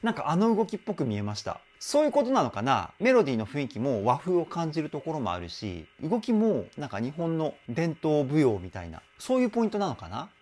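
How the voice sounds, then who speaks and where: A man working as a vocal coach, explaining a singer's technique in an animated, enthusiastic way. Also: on the high side, quick pace, few pauses. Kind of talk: song reaction and vocal analysis. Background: faint music from the song being analyzed.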